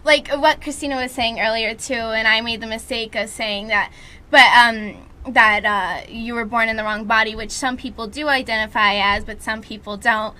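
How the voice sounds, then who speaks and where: A woman's voice: a little high, fairly even intonation, moderate pace. A teenage young woman hosting a talk show in a casual, chatty, informal way. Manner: loud, informal, apologetic.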